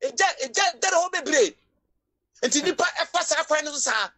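Preaching in Twi with English phrases woven in, a woman with a Ghanaian accent becomes emotional, her delivery rising into cries and shouts. She has a high voice with lively intonation and speaks at a normal speed.

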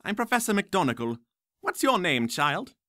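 A man voicing a fussy, brisk old female witch teacher in a storybook reading, with a high, prim tone. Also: very animated, bright, forceful tone, dry recording, clean studio sound, full character voice.

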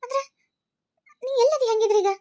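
A tearful, pleading young wife in a cartoon story, as a woman acts her out, her voice very high and thin. She speaks with a North Karnataka Kannada accent and sounds heartbroken and fierce in turn. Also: fairly quick, warm tone. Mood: grieving. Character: young wife, grieving and vowing revenge. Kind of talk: cartoon voice acting.

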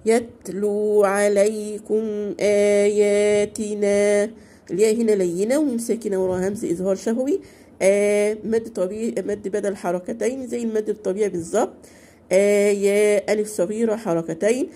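A woman with an Egyptian Arabic accent teaching Quran recitation to beginners. She recites slowly and drawn out, then explains quickly, asking questions and answering them herself. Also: medium pitch, mellow, breathy edge. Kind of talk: beginner tajweed lesson.

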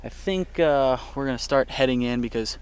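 A man's voice: mid-range voice, normal speed, clear, resonant tone. Upbeat young man vlogging from a tent. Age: young adult. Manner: upbeat, friendly, rambling. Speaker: camping vlogger. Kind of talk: casual vlog to camera. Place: truck bed tent and campsite outdoors.

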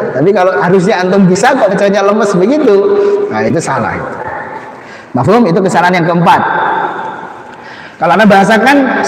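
A man with a high voice gives a live lesson on Quran pronunciation. He chants short Arabic examples and then explains them casually. His voice rings through a large mosque hall with a long reverb tail. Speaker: Quran recitation teacher.

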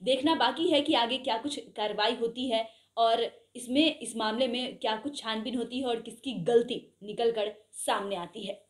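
A woman's voice: fairly high pitch, moderate pace, roomy sound. A young woman in her twenties presenting a news report to camera in a small studio, earnest and questioning. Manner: earnest, questioning, with open hand gestures. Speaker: news anchor.

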